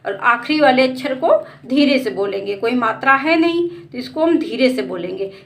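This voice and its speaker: A woman teaching a children's lesson, stretching out each word slowly in patient pronunciation drills and addressing the listener as a child. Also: fairly high pitch, lively intonation, creaky. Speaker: Hindi teacher.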